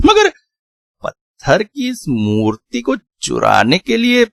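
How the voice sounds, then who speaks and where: A man telling a scripted horror story in a slow, dramatic, suspenseful way. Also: high voice, huge pitch swings, vocal fry, fairly bright tone, no room sound.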